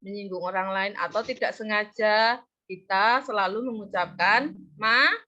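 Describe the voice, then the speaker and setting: This muffled, lo-fi clip features a woman giving a practice classroom lesson at normal speed, her medium-pitched voice pushed and bright. She coaxes and praises, regularly pausing mid-word so the class can finish it.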